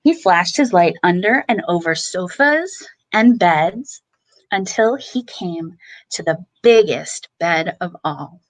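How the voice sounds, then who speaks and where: A woman storyteller reading a children's picture book at bedtime, expressively, with dramatic pauses and emphasis. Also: lowish voice, animated, rough recording.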